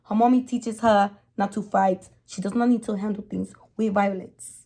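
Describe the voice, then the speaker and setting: A woman's voice: mid-range voice, moderate pace. A young woman telling a personal story in a casual, slangy, dramatic way as a vlogger. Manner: animated, slangy, dramatic retelling.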